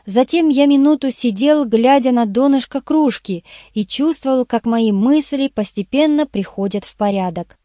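A woman reading a novel aloud, with steady scripted narration. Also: high voice, normal speed, few pauses, no echo, studio quality. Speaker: audiobook reader.

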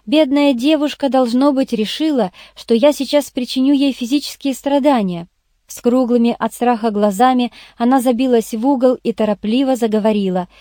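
Warm-voiced woman reading an audiobook. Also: a little high, normal speed, no room sound, studio quality. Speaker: audiobook reader. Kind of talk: scripted narration.

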